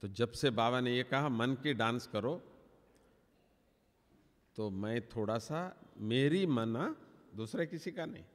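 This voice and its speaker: A man's voice: medium pitch, unhurried. A man giving a spiritual class talk, telling stories and acting out his own inner dialogue. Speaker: spiritual teacher. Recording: long hall reverb.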